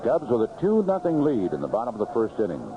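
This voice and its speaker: Heard through a dull, noisy vintage radio feed, an American man does live baseball commentary from an open-air ballpark booth, 1970s style. His lively pitch swings accompany short, measured phrases narrating every play.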